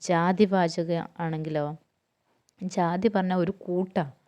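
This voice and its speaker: A woman's voice: lowish voice, steady tone, slow pace, mellow. A woman teaching a grammar lesson, asking herself questions and answering them, going through lists term by term.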